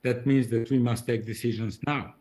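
A man's voice: mid-range voice, steady tone, moderate pace, warm tone. An older man from Bulgaria, giving an emphatic keynote speech over a video call and repeating his key phrases. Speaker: keynote speaker.

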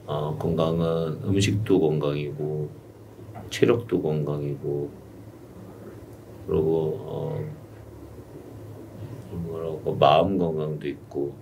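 A middle-aged YouTube coach with an extremely low, mellow voice gives one-on-one consulting advice to a client in a small studio room, explaining steadily and patiently. A desk mic on a stand picks him up from a distance, with faint room noise.

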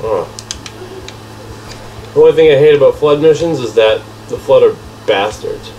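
A man's voice: mid-range voice, normal speed, mellow, lo-fi sound, slight background noise. A man with a stuffy, nasal voice from a cold, giving laid-back let's play commentary and swearing at the game. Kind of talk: casual gameplay commentary.

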